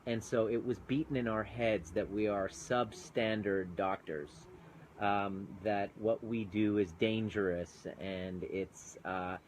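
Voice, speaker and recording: This Canadian ex-chiropractor, now a coach, speaks slowly in a fairly low voice with fairly even intonation during a casual outdoor live stream on his phone, mountains visible. Earnest and chatty, he greets viewers mid-thought. The rough recording has slight background noise.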